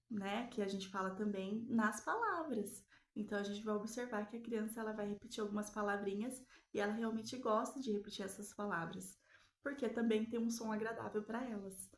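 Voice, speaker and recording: Gravelly-voiced woman teaching a lesson. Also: medium pitch, roomy sound. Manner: explanatory, frequent tag questions, drawn-out pauses. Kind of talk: recorded lesson on child development.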